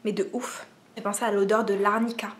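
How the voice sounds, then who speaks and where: A woman's voice: mid-range voice, flat delivery, brisk, background noise. A young woman from France vlogging casually at home, rambling and self-mocking, with many fillers, speaking to a camera propped on cushions. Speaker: beauty vlogger. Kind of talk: casual chatty vlog. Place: at home indoors.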